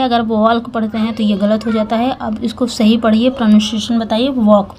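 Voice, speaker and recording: A woman teaching English through a short story, going slowly and patiently word by word with frequent pauses. Her voice sits a little high. A faint noise hangs behind her. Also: a little mellow. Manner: slow, patient word-by-word explaining with many pauses and fillers. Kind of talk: Hindi-language English lesson reading a story.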